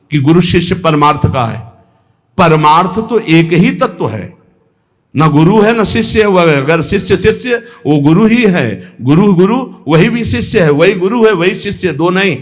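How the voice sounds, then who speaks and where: A man giving a devotional discourse as a spiritual teacher, slow and measured, drawing out and half-singing the verses he quotes. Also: fairly high pitch, long reverb tail.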